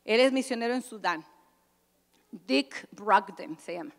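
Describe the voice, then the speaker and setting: A woman preaching a sermon at a church convention, dramatic, with sudden swings from loud exclamations to hushed asides. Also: medium pitch, lively intonation, measured pace, creaky. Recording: church hall reverb.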